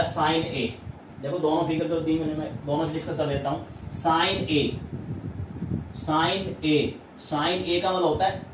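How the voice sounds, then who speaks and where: A man with a Hindi accent teaches maths in a slightly high voice, asking rhetorical questions and repeating each term. He is heard from far off in an echoey room, with faint room hum behind him. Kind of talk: classroom lesson.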